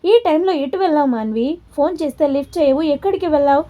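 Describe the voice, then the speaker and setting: A woman's voice: high-pitched, fast talker, dull audio, lightly acted. A woman voicing a nosy, teasing young woman roommate who asks questions and pokes fun.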